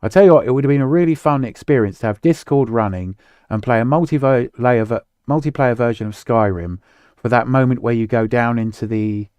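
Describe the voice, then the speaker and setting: A man's voice: medium pitch, fairly quick, darkish tone, clear, resonant tone, no echo. A man co-hosting a casual chat about video games, rambling and losing his words mid-sentence. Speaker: podcast co-host.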